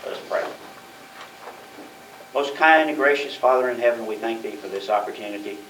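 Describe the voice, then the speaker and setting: A man leading a formal public prayer in a measured, solemn, reverent manner. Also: medium pitch, a bit bright, distant mic. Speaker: member leading the opening prayer. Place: meeting room. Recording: echoey room from afar, faint noise.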